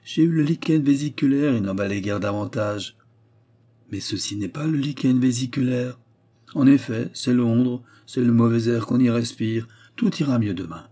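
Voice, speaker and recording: A man voicing a feverish, restless young gentleman who talks in agitated, breathless bursts in an audiobook. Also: mid-range voice, normal speed, lightly acted. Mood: brushing off worry. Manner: agitated, breathless, rambling speech. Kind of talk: audiobook character reading.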